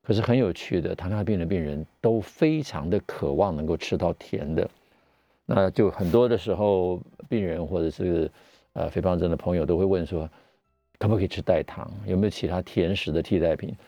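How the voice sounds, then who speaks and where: Low, mellow Taiwanese man talking through a face mask. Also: a little fast, no echo. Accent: Taiwanese Mandarin. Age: middle-aged. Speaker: radio show host and family physician. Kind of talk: live radio health talk. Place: radio studio.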